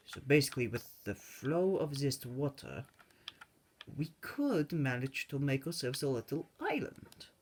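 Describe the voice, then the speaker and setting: A man's voice: mid-range voice, big pitch swings, a little slow, slight background noise. A man giving casual, rambling commentary over his own gameplay, joking and correcting himself as he goes. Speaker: gaming video creator. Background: keyboard and mouse clicks.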